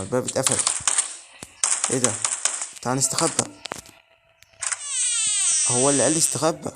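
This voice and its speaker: An Egyptian man talks his way through a horror game in a middle-pitched voice, muttering nervously under his breath and jumping into startled yelps. Game music plays clearly underneath his commentary. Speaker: gaming channel host.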